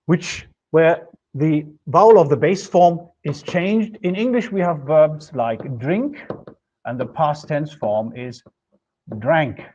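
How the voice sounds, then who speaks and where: Writing on the board as he goes, a middle-aged man from Germany lectures on linguistics, laying out each point in a calm, explanatory manner; German is his first language. His tone is darkish, the pitch a touch high for a male voice. This university lecture, held in a classroom with a projection screen, was filmed from across the room, leaving the audio dull and lo-fi.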